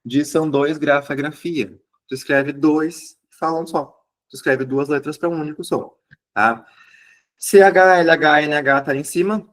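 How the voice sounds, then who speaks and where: Gaúcho teacher, high voice, keeps asking "tá?". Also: male voice, fairly even intonation, normal speed, fairly bright tone. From southern Brazil. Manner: explanatory, checks in with frequent "tá?". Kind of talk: exam review lesson.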